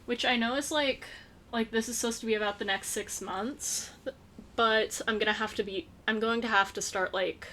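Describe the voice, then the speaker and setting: Young woman, bright and a little high, playful wisecracking co-host, faint noise underneath. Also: steady tone. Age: young adult. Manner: playful teasing, quick wry one-liners. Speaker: vlog co-host. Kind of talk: casual chat while crafting. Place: indoors at a craft table.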